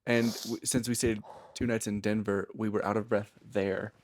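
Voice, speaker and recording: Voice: mid-range voice, level tone, moderate pace, no echo. A young adult podcast host, laid-back and dry, who keeps the casual comedy chat moving. The voice sits in a middle range and is recorded in a makeshift hotel-room studio.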